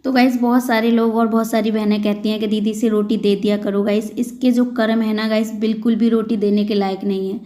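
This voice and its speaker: Earnest woman vlogger, flat steady voice. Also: medium pitch, a little fast, few pauses. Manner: earnest, plain-spoken, addresses viewers as "guys". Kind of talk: casual vlog talk to viewers.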